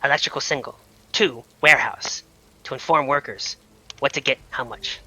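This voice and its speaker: A man's voice: medium pitch, normal speed, sharp tone, husky, no echo, rough recording. A man voicing a terse shopkeeper who speaks in clipped, broken sentences. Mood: matter-of-fact. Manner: clipped, few words, drops small words.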